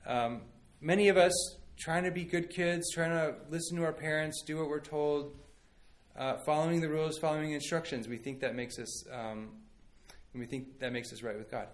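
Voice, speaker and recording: A man's voice: a little high, fairly even intonation, moderate pace. Man preaching a casual, chatty sermon. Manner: conversational, storytelling with frequent fillers and restarts. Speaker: pastor.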